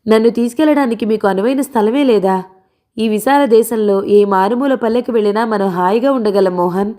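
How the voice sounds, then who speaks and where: A woman's voice: fairly high pitch, fairly quick, mellow, lightly acted. A woman doing a proud, unhappy young wife in a storybook reading, her voice close to the reader's own, earnest and direct. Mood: pleading.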